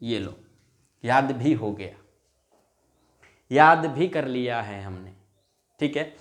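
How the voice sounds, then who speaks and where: A man's voice: mid-range voice, expressive, takes it slowly. A male teacher giving a classroom lesson, repeating each point and drawing out example sounds, calling viewers his friends. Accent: Hindi.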